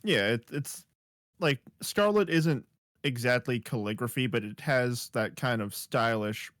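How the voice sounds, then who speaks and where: A man co-hosts a casual podcast over a computer mic on a voice call. His voice sits at a middling pitch, and the sound is dry and close. He makes easygoing, joking remarks. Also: a little slow, fairly bright tone, no echo. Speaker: podcast co-host.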